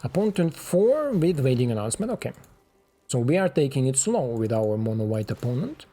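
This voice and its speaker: A man's voice: medium pitch, big pitch swings, brisk, warm tone. A man giving casual commentary while he plays a card game, chatting to his opponent and to the game itself. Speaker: streamer playing a card game.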